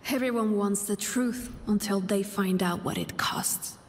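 Playing a blunt, guarded warrior woman who broods, a young-sounding actress speaks game character lines in an unhurried, medium-pitched voice close to how she'd normally talk. Faint game ambience can be heard in the recording.

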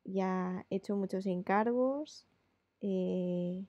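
Chatty woman with a gravelly voice. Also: medium pitch, drawn-out words, warm tone, no room sound, muffled recording. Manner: chatty, rambling with many fillers. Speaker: illustrator. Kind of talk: casual chat while drawing live.

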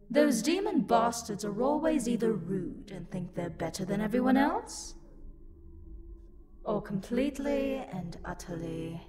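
In a scripted roleplay audio, a woman with a medium-pitched voice plays a livid, haughty tsundere demon. She sounds condescending and scornful, heaving theatrical sighs.

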